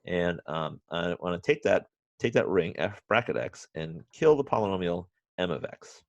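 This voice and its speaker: A man teaching a university math class remotely, halting often with restarts and fillers, and dropping wry, self-mocking asides. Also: sits low, expressive, vocal fry, dry recording, highs cut off. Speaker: math professor.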